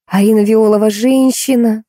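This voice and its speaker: A woman reading the lines of a weary middle-aged woman who patiently calms her quarrelsome companion, in an audiobook. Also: fairly high pitch, normal speed, no room sound, studio quality, voice pushed up, natural voice. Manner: patient, then exasperated.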